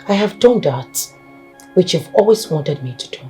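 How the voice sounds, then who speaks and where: A woman's voice: on the low side, animated, moderate pace, mellow, soft background music, close to an everyday voice. An actress with a Nigerian accent playing a weary, resigned woman who has just divorced.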